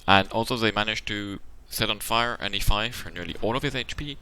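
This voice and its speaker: This channel host is a man with a lowish, smooth voice that is brisk, pushed and bright. He casually comments on a game replay's tactics, musing aloud and going through the options at length, though he sounds tired and worn down.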